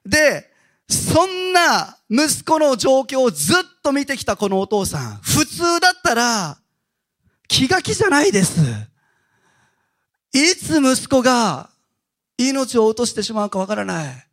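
Man, pastor, sermon, high pitch, casual animated storytelling. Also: measured pace.

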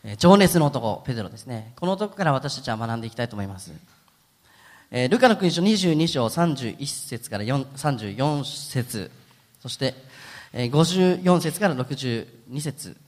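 A man pastor preaching a sermon in a gentle, conversational way with frequent fillers. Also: medium pitch, very animated, moderate pace, big-room sound.

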